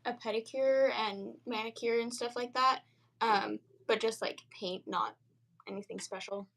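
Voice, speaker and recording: A woman who sells her crochet work, chatting casually as a guest on a livestream with short, soft replies. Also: a little high, steady tone, measured pace, gravelly. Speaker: crochet seller and stream guest.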